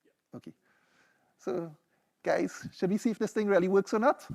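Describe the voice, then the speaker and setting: High-voiced and animated, a young man with a Trinidadian accent presents his seminar as a PhD candidate, including a live demo. His voice is creaky and a little mellow at normal speed, and his loose, conversational style leans on "right?" and "you know".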